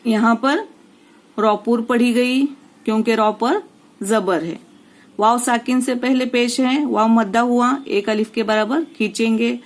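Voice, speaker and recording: Woman as patient reading teacher, slow drills, a bit high-pitched. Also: fairly even intonation, poor audio. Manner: patient, repeats rules and drills syllables slowly. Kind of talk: slow spoken lesson with drawn-out recitation.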